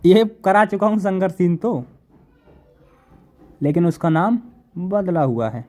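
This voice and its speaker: A man with a fairly high voice teaches a class. He repeats each definition slowly and keeps asking his students questions to check they follow. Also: lively intonation, warm tone. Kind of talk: classroom lecture.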